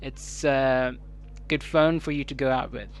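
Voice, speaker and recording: A man with a Kenyan East African accent giving casual unboxing commentary as a tech reviewer, haltingly thinking aloud. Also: mid-range voice, fairly even intonation, slight background noise. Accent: Kenyan English. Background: music.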